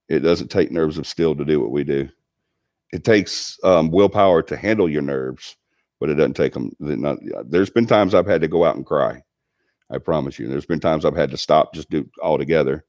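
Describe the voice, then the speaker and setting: Very deep-voiced rambling man. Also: normal speed, a little mellow, dry recording. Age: 40s. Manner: rambling, with many ums and restarts. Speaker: paranormal show host reading live chat. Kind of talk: casual livestream chat.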